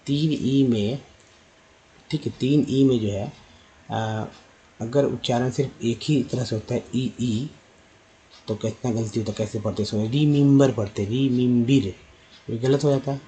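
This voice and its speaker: A man giving a spoken pronunciation lesson, spelling out letters and repeating words slowly for his viewers. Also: mid-range voice, warm tone, rough recording. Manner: addresses viewers as friends. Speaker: English pronunciation teacher.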